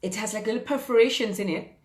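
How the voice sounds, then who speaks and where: A little high and quick, with a darkish tone and noticeable reverb, this voice belongs to a fitness and mindset coach in her fifties. She chats upbeat on a live stream via phone or webcam, rambling and using many fillers.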